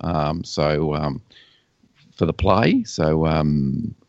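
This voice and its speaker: A man's voice: very deep voice, animated, very slow, darkish tone, no echo, lo-fi sound. A man hosting a podcast, chatting casually and rambling with plenty of fillers and restarts. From Australia. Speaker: podcast host. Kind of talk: casual chat.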